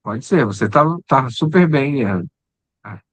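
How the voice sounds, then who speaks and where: A man's voice: mid-range voice, lively intonation, measured pace, breathy edge, no room sound. A man leading a casual spiritual study discussion, talking conversationally and often checking in with his listeners. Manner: conversational, repeats "né?" and "entendeu?", trails off quietly. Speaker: study group leader.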